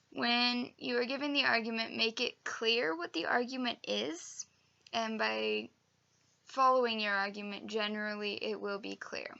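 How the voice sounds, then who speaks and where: Young woman, acting coach type, chatty and emphatic, slightly high, bright voice. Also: gravelly, dull audio. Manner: chatty, emphatic, with fillers and self-corrections. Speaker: acting teacher. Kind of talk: casual instructional video.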